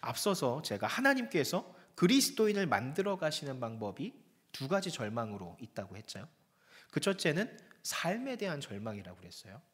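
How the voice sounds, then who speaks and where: A male pastor preaching with a fairly high, very animated voice. He retells the story dramatically, rising in pitch and then falling to hushed whispers. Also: moderate pace. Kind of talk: sermon.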